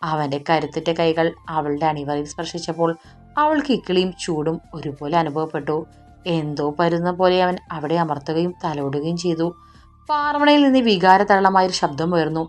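Soft-voiced woman narrating a romance audiobook. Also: deep voice, moderate pace, soft background music. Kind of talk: scripted romance story narration.

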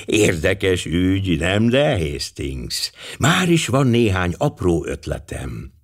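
A man's voice: low-pitched, big pitch swings, creaky, heavily acted. A man voicing a fussy, commanding older male detective who speaks precisely and sprinkles in French phrases.

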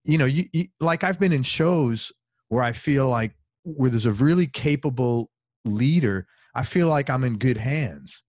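Man, interview host, chatty, casual swearing, animated delivery. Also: mid-range voice, unhurried, no echo, clean studio sound.

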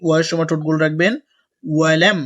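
A man teaching a spelling-out Quran lesson, mixing slow drawn-out recitation with brisk explanation. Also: fairly high pitch, steady tone, fairly bright tone, highs cut off. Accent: Bangladeshi Bengali.

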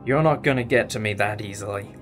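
A man as the Doctor, lowish and wry. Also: fast talker, faint music behind, natural voice. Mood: defiant, grave. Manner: wry, sardonic, explanatory. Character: wry, inquisitive, defiant male time-travelling alien adventurer. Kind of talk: sci-fi audio drama acting.

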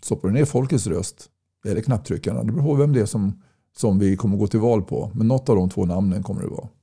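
Gravelly, dark-voiced man. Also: lowish voice. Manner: blunt, folksy, repeats points with rhetorical questions. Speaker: political campaigner. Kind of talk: casual direct-to-camera talk reading viewer comments.

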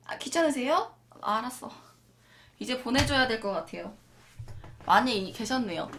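A young woman talks to her cats in a cooing, mock-polite way, as if she were a masseuse serving customers. Her voice sits high and swings widely up and down. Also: expressive, normal speed, fairly bright tone, slight background noise. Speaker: pet vlogger. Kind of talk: playful chat to her cats.

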